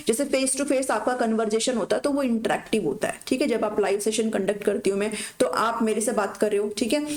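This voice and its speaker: A woman's voice: a little high, darkish tone. Echoey woman teaching pedagogy. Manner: explains in Hindi with read-out English lines, frequent "ठीक है" check-ins. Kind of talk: exam-prep lecture.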